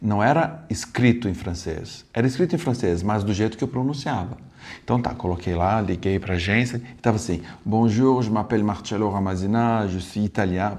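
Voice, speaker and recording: A man from Brazil telling a travel story to camera in a casual, animated way, with many asides and restarts. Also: on the low side. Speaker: travel vlogger.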